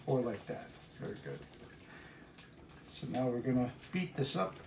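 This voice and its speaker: A middle-aged man with an Austrian accent, a chef walking through a cooking demonstration in a relaxed, instructive way with many "uh" fillers. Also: medium pitch, a little slow, creaky. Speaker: guest chef. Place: home kitchen. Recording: echoey kitchen from far off, faint hiss.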